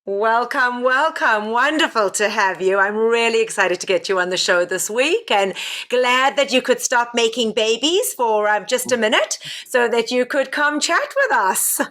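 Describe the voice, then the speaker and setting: A woman's voice: a little high, lively intonation, normal speed, a bit bright. Woman, podcast host, upbeat casual chat, frequent fillers. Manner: enthusiastic, many fillers.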